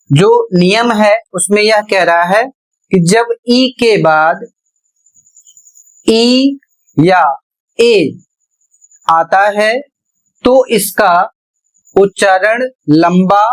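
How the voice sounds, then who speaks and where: A male English teacher giving a blackboard lesson, slow, patient and repetitive, asking questions and then answering them himself. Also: high voice, low-quality recording. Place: at a board.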